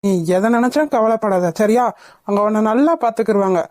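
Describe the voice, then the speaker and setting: A woman voicing a soft-hearted father in a cartoon who reassures his daughter. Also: medium pitch, a little fast, no echo, studio quality, lightly acted. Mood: reassuring. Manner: soothing, reassuring. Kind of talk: cartoon voice acting.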